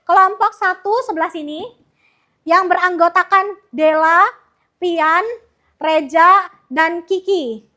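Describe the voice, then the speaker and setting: A young woman teaching a primary school class, her voice very high and bright. She speaks at an unhurried pace, upbeat and coaxing as she calls pupils up one by one. The sound is of a classroom lesson. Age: young adult. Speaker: student teacher.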